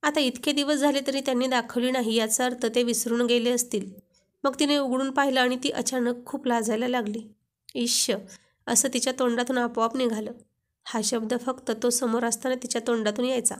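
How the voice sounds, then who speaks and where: A woman narrating a romantic storybook in an even, unhurried way. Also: a little high.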